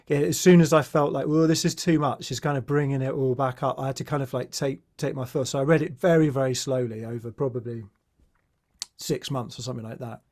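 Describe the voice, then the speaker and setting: A man's voice: medium pitch, steady tone, fairly quick, darkish tone. Hesitant male podcast host. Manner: hesitant, many fillers and restarts. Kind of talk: casual interview chat.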